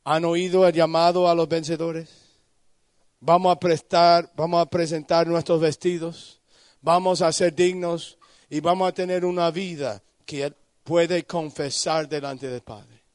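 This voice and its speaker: Male preacher, high-pitched, slow deliberate sermon delivery, dry close sound, rises to shouting pleas. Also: steady tone, no echo. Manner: swings from low, quiet warnings to high shouted pleading; addresses listeners by name with questions. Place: conference hall.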